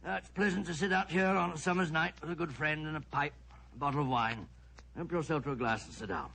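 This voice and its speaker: An actor playing an avuncular elderly British gentleman doctor telling tales in old-time radio drama, exclaiming and pausing hesitantly. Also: fairly high pitch, creaky, slight background noise. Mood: genial, reminiscing. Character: genial elderly doctor, British gentleman narrator and loyal friend.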